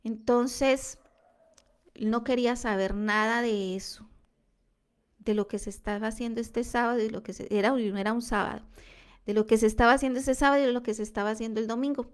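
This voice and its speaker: A woman sharing a devotional testimony, earnest and reflective, sometimes dropping to a soft whisper. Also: fairly high pitch, steady tone, a little fast, clear, resonant tone.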